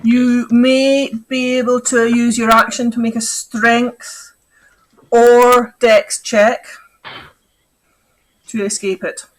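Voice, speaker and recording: A woman's voice: on the high side, little pitch movement, takes it slowly, pauses often, rough recording. A woman narrating as game master of a tabletop game, chatty and thinking aloud as she goes.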